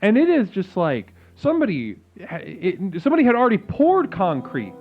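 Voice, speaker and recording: A man's voice: sits high, huge pitch swings, normal speed, muffled recording, faint music behind. A man hosting a show, joking around in a theatrical, casual chat with a caller. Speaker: host.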